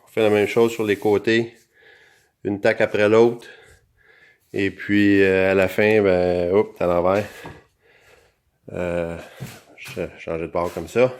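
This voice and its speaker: A man's voice: fairly low pitch, little pitch movement, slow pace, long pauses. Québécois man with altered voice. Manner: chatty, talks directly to viewers. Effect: electronically altered voice. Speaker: DIY show host. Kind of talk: casual how-to explanation.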